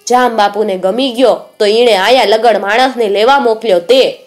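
A woman voicing a gentle, generous elderly village mother who speaks in a soft, homely way. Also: a little high, moderate pace, faint music behind, lightly acted. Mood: sorrowful.

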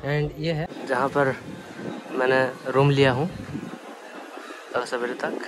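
Young man vlogging over loud noise. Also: medium pitch, steady tone, slow. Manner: chatty, mixes English words into Hindi. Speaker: travel vlogger. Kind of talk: casual travel vlog. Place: busy restaurant indoors, then streets.

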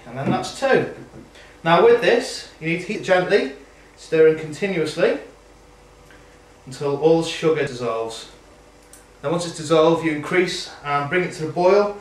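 Chatting as he works the stove, a home cooking show host in his 30s gives a casual demonstration in his kitchen at night. His voice is slightly high. The camera mic sits across the echoey room, so the sound is roomy and distant, with slight background noise.

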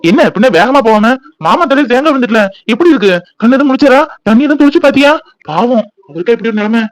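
A young man voicing a hot-tempered village fiancé in a cartoon, who scolds quickly, then turns tender. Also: very high-pitched, expressive, no echo, poor audio. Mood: scolding.

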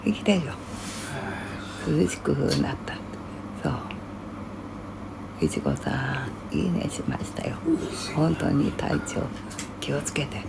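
An older woman chatting casually on a livestream. She reads viewer comments in half-whispers and grumbles loudly in between. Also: low-pitched, slow, gravelly, long pauses.

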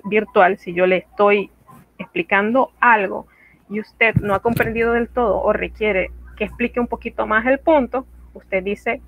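A woman French teacher giving an online lesson, explaining phrases carefully and repeating each one slowly for practice. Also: mid-range voice, no echo. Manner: slow, careful drilling of phrases with repetition. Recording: dry, phone-like narrow sound.

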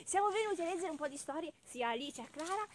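A woman's voice: very high voice, lively intonation, racing, a crowd in the background. A woman reading nursery rhymes and stories to children outdoors at a farm, cheerful and chatty. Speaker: co-reader for children.

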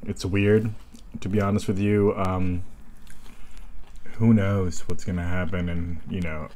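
A man with a low, deep voice chats casually as a mukbang vlogger. He chews while talking, pausing between bites, with some room noise behind him. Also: level tone, a little mellow. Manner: chatting while eating, chewing between phrases. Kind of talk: casual chat. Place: small room at home, indoors.

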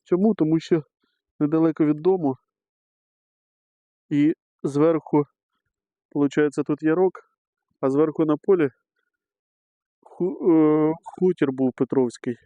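Middle-aged guy metal detecting outside, keeps calling viewers friends, mellow dry voice, kinda dull lo-fi sound. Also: on the high side, steady tone, measured pace, pauses often, no echo. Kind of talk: casual commentary to camera while digging. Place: outdoors on a meadow. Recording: slightly dull lo-fi recording.

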